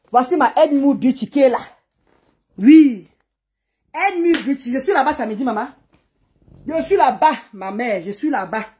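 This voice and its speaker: A woman's voice: high-pitched, a little mellow. A woman on a live stream, ranting and taunting someone with insults, repeating words as she goes. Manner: insulting, taunting, swings to laughing greetings. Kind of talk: heated live-stream rant.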